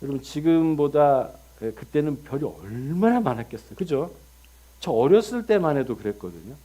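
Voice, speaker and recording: Animated man preaching a sermon. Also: a little high, moderate pace. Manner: animated storytelling, acts out dialogue with sudden loud outbursts. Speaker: pastor.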